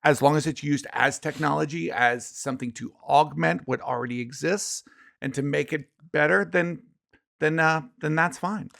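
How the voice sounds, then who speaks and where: A man's voice: on the high side, moderate pace, gravelly, fairly bright tone. A man co-hosting a podcast in casual chat, emphatic and reflective. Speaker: podcast co-host.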